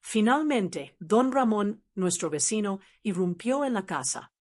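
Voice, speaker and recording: A woman reads a scripted first-person family drama aloud. Her voice sits at a medium pitch. She tells it in a dramatic, even storytelling manner. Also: unhurried.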